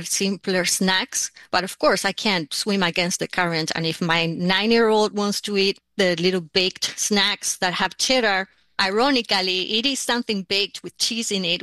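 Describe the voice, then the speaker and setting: A woman's voice: mid-range voice, a bit bright, dry recording. A woman from Argentina, answering interview questions in a casual, lightly humorous way. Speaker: listener interviewee.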